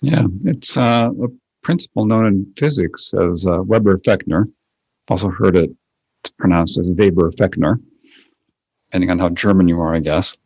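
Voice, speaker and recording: A man co-hosting a podcast as a Feldenkrais teacher, explaining ideas in a relaxed way with fillers. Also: deep voice, normal speed, creaky, no echo, muffled recording. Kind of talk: casual conversation.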